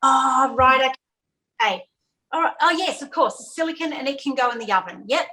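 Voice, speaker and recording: A woman's voice: sits high, lively intonation, normal speed, pushed and bright, poor audio. A woman hosting an online cooking lesson for kids, chatty, repeating key steps with fillers, on a video call. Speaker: cooking class host.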